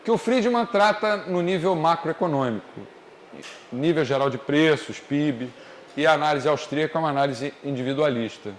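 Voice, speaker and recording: Brazilian guy lecturing, kinda high voice, walks through it step by step, echoey classroom w faint hiss. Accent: Brazilian Portuguese. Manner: explains step by step, deliberately slow on key points. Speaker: economics lecturer.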